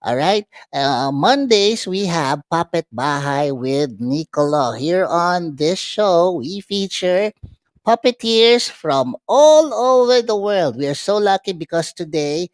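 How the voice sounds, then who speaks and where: Slow-paced Filipino live-stream host. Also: mid-range voice, expressive, no room sound. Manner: halting and stumbling over words. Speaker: show host reading sponsor thanks. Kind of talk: casual live-stream announcements and sponsor plugs.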